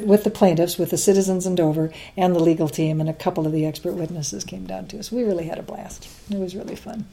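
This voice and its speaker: Chatty low-voiced woman in an interview. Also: dark tone. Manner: chatty, laughs often, many restarts and fillers. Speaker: guest, science education advocate. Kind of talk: interview conversation.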